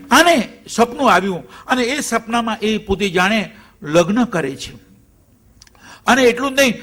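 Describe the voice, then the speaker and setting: A male devotional storyteller with a high, bright voice, preaching in a lively, conversational way full of humorous asides. Faint music sits underneath his voice.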